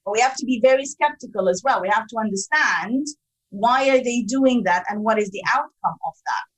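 A woman's voice: fairly high pitch, fairly quick, low-quality recording. A woman from Sudan, a guest researcher, explaining her findings emphatically in a podcast interview.

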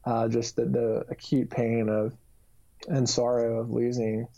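A man's voice: medium pitch, completely flat delivery, unhurried, gravelly, warm tone. A man in his thirties gives an earnest, reflective personal testimony in an interview, with frequent fillers. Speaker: author and youth minister. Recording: dull lo-fi recording.

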